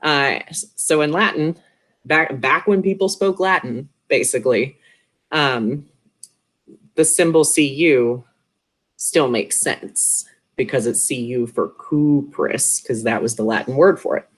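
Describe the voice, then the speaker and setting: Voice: mid-range voice, unhurried, a bit bright. Casual chemistry teacher recording a video lesson. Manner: casual, with offhand joking asides. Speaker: high school chemistry teacher.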